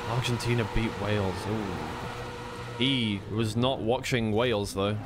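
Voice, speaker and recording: On the low side and a little slow, with fairly even intonation, a male esports caster covers a racing game live on a co-stream. He switches between play-by-play, casual chatter and thinking aloud, with background noise and in-game car sounds around him.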